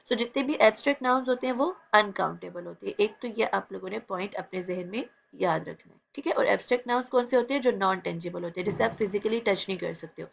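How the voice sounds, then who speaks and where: Patient woman teacher, gravelly voice. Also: fairly high pitch, dull audio. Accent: Pakistani Urdu. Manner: patient, explains slowly with many "theek hai" checks; sounds words out slowly, syllable by syllable. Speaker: English teacher. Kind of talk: textbook exercise lecture.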